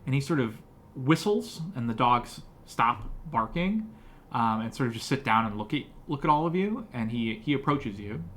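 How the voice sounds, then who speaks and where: A man narrating a tabletop game as game master, improvising haltingly as he describes the scene. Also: medium pitch, lively intonation, fairly bright tone. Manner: halting, searching for words as he describes. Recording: slightly noisy room recording.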